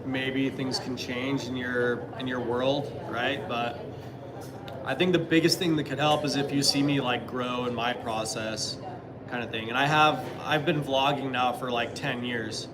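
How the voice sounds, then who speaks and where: A man's voice: mid-range voice, steady tone, a little slow, a crowd in the background, poor audio. A man in his thirties chatting casually on a live stream, answering viewers with rambling, hesitant talk full of fillers and restarts. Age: 30s.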